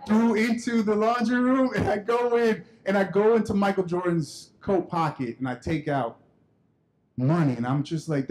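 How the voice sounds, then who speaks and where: A man giving a keynote speech at a conference, telling a personal story in an animated way and acting out the dialogue. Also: high voice, low-quality recording. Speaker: keynote speaker. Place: conference hall stage.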